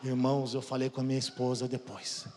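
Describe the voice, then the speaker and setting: Man, emotional testimony sermon, loud-soft swings, middle pitch, reverberant church hall. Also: completely flat delivery, fairly quick, a little hiss or hum. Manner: emotional, swings loud and soft, says "cara" and "irmãos" often. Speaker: preacher giving testimony.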